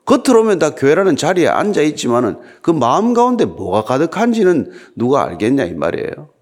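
A man's voice: on the high side, wildly swooping pitch, fairly quick, darkish tone. An older man preaching a sermon as pastor, talking to his congregation in a conversational way and asking them rhetorical questions.

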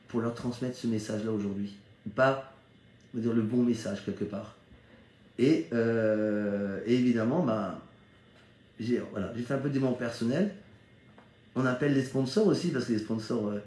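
A middle-aged network marketing leader from Strasbourg, in Alsace, France, gives an informal motivational talk about his own career, sounding like a mentor sharing experience. His mid-range voice is soft and mellow, and he keeps things conversational, frequently checking that listeners agree. The recording is echoey and roomy.

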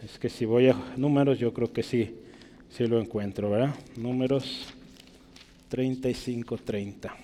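A man's voice: mid-range voice, fairly even intonation, a little slow, dark tone, a little hiss or hum. Guy preaching, chatty, keeps asking the crowd "right?", long reverb in the hall. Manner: conversational, often checks with the congregation. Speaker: pastor. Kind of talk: sermon.

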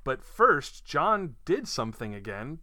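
A man's voice: mid-range voice, sing-song, measured pace, bright, forceful tone, no room sound, clean studio sound. A man hosting a podcast in casual chat, teasing his co-host with rambling explanations.

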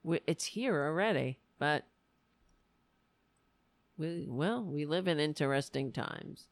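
A woman hosting a live stream, chatting casually and haltingly as if thinking aloud. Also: low-pitched, animated, no room sound. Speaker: host of a political live stream. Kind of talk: casual livestream chat.

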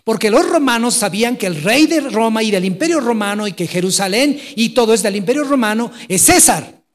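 A pastor preaching a dramatic sermon, swinging from loud exclamations to hushed storytelling. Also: male voice, sits high, animated, fairly quick, long reverb tail.

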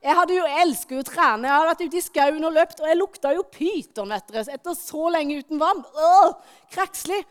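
A woman preaching to children and adults in church, telling a lively story and asking the audience questions. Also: high-pitched. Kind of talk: children's sermon.

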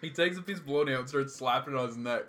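A man's voice: mid-range voice, racing, bright, forceful tone. A man from Canada co-hosting a casual podcast chat, joking and laughing easily as he rambles through a recap. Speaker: podcast co-host.

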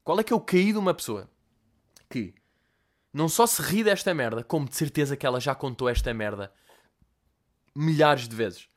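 A young man with a European Portuguese accent, a podcast host telling comic stories in a profane, animated, conversational way. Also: on the high side, normal speed, pauses often. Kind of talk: comedic storytelling.

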